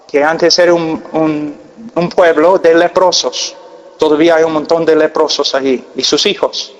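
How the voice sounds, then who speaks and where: An American man preaches a sermon in a large church hall where his voice rings with long reverb. His pace is slow and deliberate, and his fairly high voice climbs to emphatic peaks before falling to hushed, intense near-whispers. He is earnest, pauses long, and learned Peruvian Spanish late.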